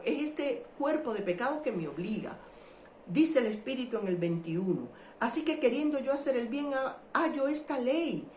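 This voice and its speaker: A woman preaching a sermon with fervent, emphatic delivery and drawn-out exclamations. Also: fairly high pitch, darkish tone, roomy sound, a little hiss or hum. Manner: fervent, emphatic, swings between quick and slow, drawn-out exclamations.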